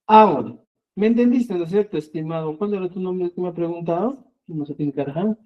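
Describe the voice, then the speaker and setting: A man's voice: sits high, fairly quick, muffled recording. A man teaching an online language class, patiently explaining and often checking in with the students.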